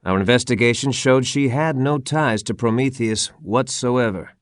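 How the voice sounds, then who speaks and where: An actor playing a matter-of-fact government official in a video game cutscene, formal and businesslike. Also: male voice, mid-range voice, moderate pace, no echo, clean studio sound, lightly acted.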